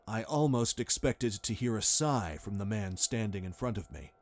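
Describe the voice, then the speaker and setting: A man's voice: on the low side, expressive, normal speed, slight background noise. Man narrating a dramatic horror story.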